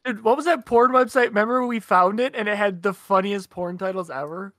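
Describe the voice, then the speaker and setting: Co-host, man, high and sharp voice, dry close sound, crude teasing. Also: a little fast, no echo. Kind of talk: casual chat.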